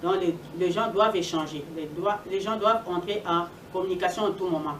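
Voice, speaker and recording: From some distance in a reverberant, noisy room, a woman addresses an event as moderator. Her voice is on the low side. She is emphatic and repeats phrases to stress them. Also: brisk. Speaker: event moderator introducing speakers. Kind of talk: public address.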